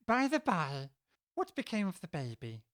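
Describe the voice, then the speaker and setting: Brief: male actor as a teasing, grinning cat, slow drawl, swooping pitch, chuckles, dry booth. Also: fairly bright tone, dry recording, heavily acted. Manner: chuckles between lines, drawling and playful. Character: grinning, teasing Cheshire Cat, sly and amused. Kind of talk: full-cast audiobook acting.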